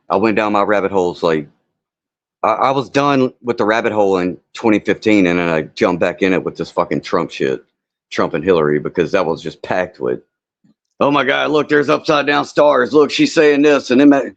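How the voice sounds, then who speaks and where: A man's voice: low voice, lively intonation, normal speed, gravelly. A man in his fifties hosting a casual open-panel chat, blunt, profane and rambling. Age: 50s. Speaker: host of an open panel stream. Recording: muffled lo-fi audio.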